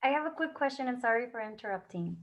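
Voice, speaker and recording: Woman, co-host, eager, chatty with "like" fillers, fairly high voice, video call. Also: lively intonation, fast talker, poor audio.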